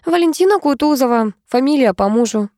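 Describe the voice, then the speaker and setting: Weary stout middle-aged woman voiced by a woman, sighing and level, mellow tone. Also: sits high, expressive, brisk, no echo, clean studio sound, pitched above the performer's own voice. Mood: matter-of-fact.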